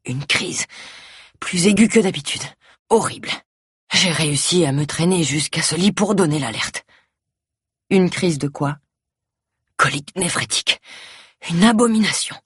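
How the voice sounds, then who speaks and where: A woman's voice: fairly low pitch, unhurried, long pauses, husky, no echo. An ailing middle-aged doctor gasps out his commands, weak but still condescending. A woman narrator puts him on in a storybook reading, close and dry with no room sound. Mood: pained, haughty. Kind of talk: audiobook reading.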